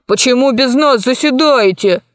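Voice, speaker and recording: A woman's voice: high voice, moderate pace, no room sound, studio quality, lightly acted. A woman voicing a blustering fat father. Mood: indignant. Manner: blustering, indignant. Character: fussy fat man, doting father. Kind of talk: audiobook character voice.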